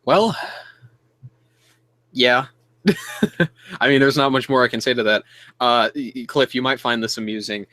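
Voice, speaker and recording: A man hosting a podcast, chatting casually with formal, big-word diction and halting restarts. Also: mid-range voice, bright, forceful tone, no room sound. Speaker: podcast host.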